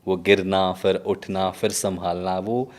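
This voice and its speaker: A male interview host with a low-pitched voice. He asks questions enthusiastically and turns to address the listeners directly. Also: level tone, measured pace. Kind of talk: conversational interview.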